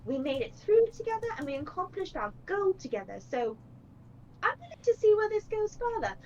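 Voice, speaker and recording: A woman's voice: very high-pitched, very animated, darkish tone, full character voice. A woman voicing an articulate woman adventurer who argues her case point by point. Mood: persuasive. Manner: measured and persuasive, debating point by point. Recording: slightly dull with faint noise.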